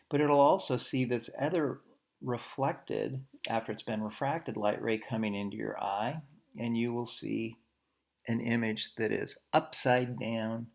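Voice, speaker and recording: Male physics teacher, mid-pitched, gravelly, chatty lecturing with frequent "okay"s and quick self-corrections. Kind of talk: recorded physics lecture while drawing diagrams.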